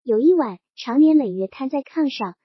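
A woman reads a novel aloud as narrator, keeping a steady storytelling pace through the scene. Her voice is high and a little breathy. The recording is dry and somewhat dull, with no room sound. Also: moderate pace, dry recording. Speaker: audiobook narrator.

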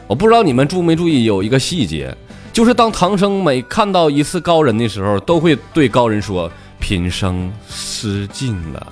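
A man's voice: a little high, very animated, brisk, soft background music. A man with a Northeastern Mandarin accent telling jokes as a stand-up comedian, chatty and full of dialect slang. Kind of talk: comic joke telling.

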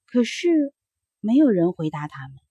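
A woman narrating a children's bedtime story in a gentle, expressive storytelling manner. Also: mid-range voice, normal speed, slightly rough, no echo.

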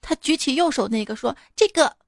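A woman's voice: sits high, quick pace, creaky, dry recording, clean studio sound. Chatty woman radio host telling jokes. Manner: chatty, amused anecdotal delivery. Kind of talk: comic storytelling. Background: faint music.

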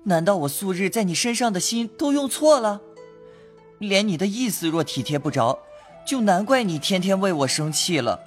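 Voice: medium pitch, sing-song, normal speed, faint music behind, close to an everyday voice. A voice actor playing an earnest, impulsive young nobleman. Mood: earnest, pleading. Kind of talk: audio drama acting.

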